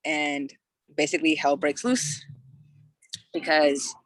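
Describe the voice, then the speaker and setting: A woman's voice: low-pitched, steady tone, slow, dry recording. Frank, chatty woman from California, dry sound. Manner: frank, loose and chatty, with heavy "you know" fillers and casual swearing. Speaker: podcast guest. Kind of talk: candid personal storytelling in conversation.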